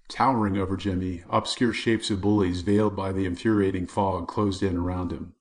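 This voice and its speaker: A man narrating a children's chapter book in a vivid storytelling manner. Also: lowish voice. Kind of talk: audiobook narration.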